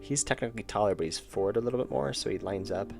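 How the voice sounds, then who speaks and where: A streamer and indie game developer chats casually on a live stream while drawing, rambling and thinking aloud with restarts and chuckles as he loses his voice. His voice is fairly low, quick, a little mellow and has vocal fry, with faint music in the background.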